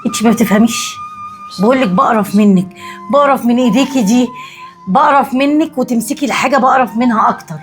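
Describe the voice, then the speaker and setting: A woman's voice: on the high side, fast, faint music behind, lightly acted. An actress playing a scornful, domineering mother-in-law, speaking with an Egyptian Arabic accent. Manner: scornful, cutting, insulting. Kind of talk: short web drama acting.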